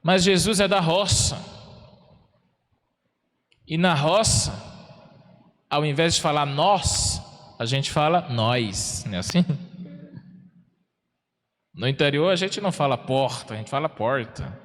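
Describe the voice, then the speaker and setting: Brazilian priest preaching with church reverb. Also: male voice, on the high side, fairly bright tone. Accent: Brazilian Portuguese. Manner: folksy, asks the congregation questions, slows down for emphasis. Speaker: parish priest. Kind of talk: sermon.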